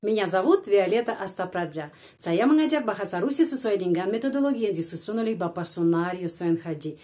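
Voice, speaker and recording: A woman whose first language is Russian teaches an online language lesson. Her pitch moves a lot, rising on the words she stresses. She speaks model sentences slowly and carefully, often adding a friendly "ya" to check that listeners follow. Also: a little mellow. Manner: friendly explaining tone with tag "ya".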